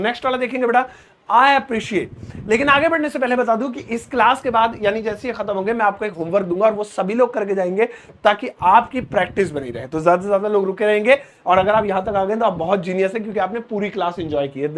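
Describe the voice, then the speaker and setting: A man teaching English in casual mixed Hindi and English, joking with students and repeating words slowly as he writes them. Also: high-pitched. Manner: lively, jokey, teasing asides to students.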